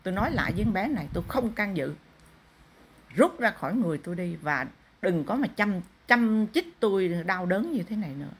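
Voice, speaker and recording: A woman speaking as an aggrieved elderly spirit of a dead relative, indignant and demanding, in a husky voice. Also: medium pitch, sing-song, fairly quick, full character voice.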